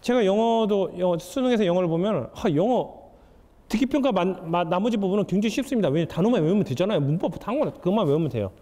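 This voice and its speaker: A man's voice: high voice, lively intonation, fast, warm tone. A young adult man giving a lecture, asking the audience questions in a candid, conversational way. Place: lecture hall. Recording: hall reverb.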